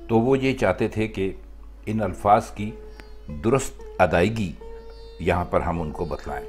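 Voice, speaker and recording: A man's voice: deep voice, darkish tone. A man teaching the correct pronunciation of words in a formal, careful way, repeating words for emphasis. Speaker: Urdu language teacher. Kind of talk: spoken lesson on pronunciation.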